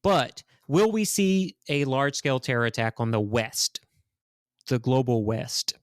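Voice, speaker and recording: A man from Louisiana gives conversational analysis as a host, in a mid-pitched voice. He explains things carefully, correcting himself, and the sound is close and very dry. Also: lively intonation, measured pace, no room sound. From Louisiana, United States.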